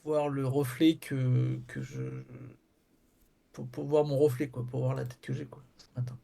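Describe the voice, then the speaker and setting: A man's voice: mid-range voice, lively intonation, a little slow, creaky, mellow. A man playing in a tabletop role-playing game, describing his character's actions hesitantly and repeating words. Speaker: player.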